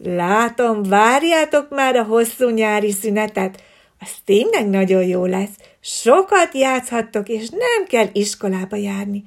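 A woman voicing a gentle, patient owl schoolteacher who explains things warmly. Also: fairly high pitch, big pitch swings. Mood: kind.

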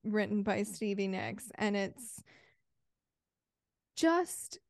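A woman co-hosting a podcast in casual chat, playful and quick to laugh. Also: mid-range voice, animated, vocal fry, dry recording, studio quality. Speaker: podcast co-host.

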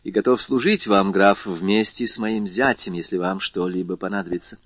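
Narrator doing an earnest young officer, raised and eager, husky, lo-fi audiobook. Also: male voice, sits low, fairly even intonation, normal speed, fairly bright tone, no room sound. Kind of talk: audiobook character voice. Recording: slightly muffled lo-fi recording.

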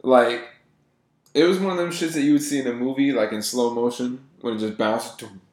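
A man's voice: medium pitch, fairly quick, darkish tone, roomy sound. A man hosting a casual sports podcast, laid-back and steering the conversation between topics. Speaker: podcast host.

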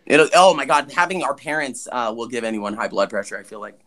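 A man's voice: medium pitch, lively intonation, a little fast, fairly bright tone. Man retelling a movie with laughs. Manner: laughs often and retells scenes animatedly. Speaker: podcast co-host. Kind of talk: casual chat recapping a movie.

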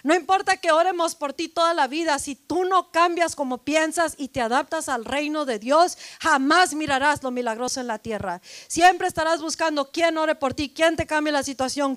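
A woman pastor preaching a fervent sermon, building to loud emphatic repetitions and dropping in English phrases. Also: high-pitched, dry recording. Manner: switches briefly into English phrases.

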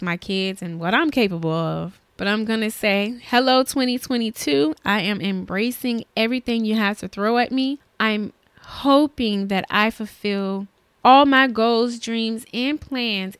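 A woman's voice: mid-range voice, a little slow, a bit bright, clean tone, dry recording. A woman hosting her own podcast, talking in an earnest, chatty, motivational way about her schedule and her goals. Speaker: podcast host. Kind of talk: solo podcast monologue.

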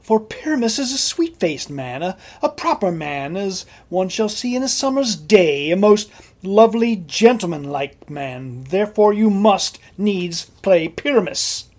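An earnest, fussy man in charge of amateur players, played by an actor. His pitch moves in lively swings as he officiously coaxes his cast in Shakespearean comedy. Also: a little slow. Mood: coaxing. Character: Peter Quince, earnest, fussy male amateur director.

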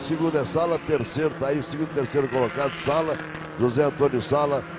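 Male motorsport commentator, fairly high voice, emphatic repeated names, live race call, noisy trackside engines behind. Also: fairly even intonation, fast talker. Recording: loud engine and trackside ambience noise.

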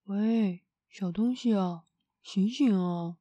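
A woman voicing a kind-hearted male tramp in a storybook, speaking in a soothing, unhurried way. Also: medium pitch, dark tone, dry recording, muffled recording, pitched below the performer's own voice. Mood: gentle. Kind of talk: storybook reading.

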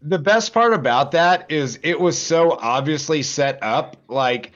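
Guy on a podcast thinking out loud, kinda muffled lo-fi audio. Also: fairly high pitch, lively intonation, unhurried. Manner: thinking aloud, hesitant restarts. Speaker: podcast guest. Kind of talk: casual wrestling chat.

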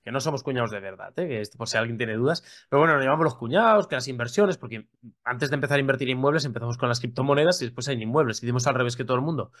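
A man co-hosts a relaxed podcast chat. He talks quickly at a middle pitch and often cuts in with side comments. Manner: chatty, jumps in with asides. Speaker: podcast co-host. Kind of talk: casual chat.

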